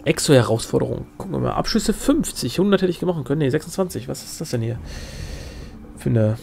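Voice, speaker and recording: Creaky-voiced man doing let's play commentary. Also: medium pitch, animated, fast, darkish tone, slight background noise. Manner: reacts aloud and talks back to game characters. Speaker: gamer commenting on own play.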